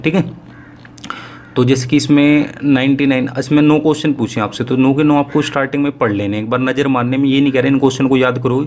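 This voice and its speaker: A man teaching an exam-prep lesson in a casual, friendly way, checking in often and slowing down to read passages aloud. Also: mid-range voice, a little mellow, slight background noise. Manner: friendly, repeats "ठीक है" often, slows to read Sanskrit aloud.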